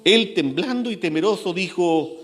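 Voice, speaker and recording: A pastor delivers a sermon in a fairly high, animated voice that rises and falls widely. He repeats key phrases and slows down, sinking low for emphasis. Faint instrumental music plays beneath him. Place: church.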